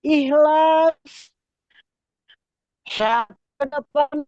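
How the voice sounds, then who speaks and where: High-pitched man on a breaking-up call. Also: darkish tone, dry recording. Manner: halting, with restarts. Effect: call audio breaking up and cutting out. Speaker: participant in an online spiritual discussion. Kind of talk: asking a question on a group call. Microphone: internet voice call. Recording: lo-fi online call audio.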